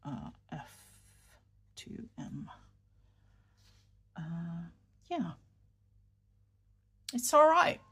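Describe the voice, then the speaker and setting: This woman has a lowish, husky voice with a bit of brightness and a New York accent. A fountain pen vlogger from New York, she chats casually while writing in a notebook, wandering off topic a little, correcting herself, and murmuring as she goes.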